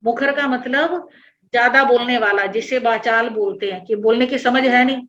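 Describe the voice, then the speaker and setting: Woman, religious teacher, patient line-by-line explanation, higher voice, dull lo-fi online class audio. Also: moderate pace, fairly bright tone.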